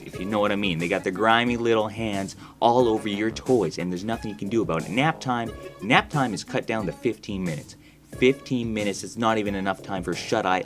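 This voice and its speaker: A young man giving crude, sarcastic gameplay commentary in a laid-back storytelling manner. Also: lowish voice. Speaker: gaming commentator. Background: faint background music.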